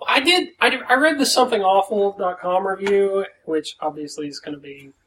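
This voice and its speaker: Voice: medium pitch, fairly quick, fairly bright tone, slight background noise. A podcast co-host in casual chat, talking hesitantly and thinking aloud. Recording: distant from the mic.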